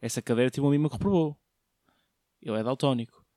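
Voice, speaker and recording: A man's voice: medium pitch, very fast, dark tone, no room sound, clean studio sound. A young man giving a slangy, jokey monologue, often putting questions to his listeners. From Portugal. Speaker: solo show host, comedian. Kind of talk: casual comedic monologue, slangy chat.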